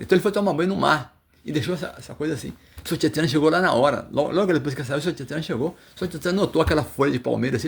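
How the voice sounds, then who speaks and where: Gravelly Brazilian man telling scripture stories. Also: a little high. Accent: Brazilian Portuguese. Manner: storytelling with acted quotes, many fillers and restarts. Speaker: religious teacher. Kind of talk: scripture reading commentary.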